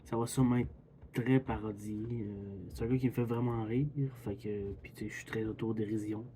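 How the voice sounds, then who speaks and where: Laid-back Québécois man, mellow voice. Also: fairly low pitch, flat delivery, fairly quick, a little hiss or hum. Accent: Québécois French. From Quebec. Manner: chatty, rambling, chuckles often. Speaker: YouTube reaction host. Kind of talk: casual reaction commentary.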